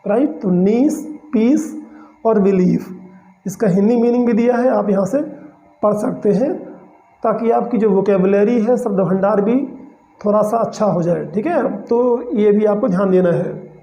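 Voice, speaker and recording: Speaking a little slowly in a medium-pitched, dark-toned voice, a teacher leads a Hindi pronunciation lesson, breaking words down into individual sounds, saying them again and frequently checking on the class. The audio is roomy, lo-fi and a touch dull.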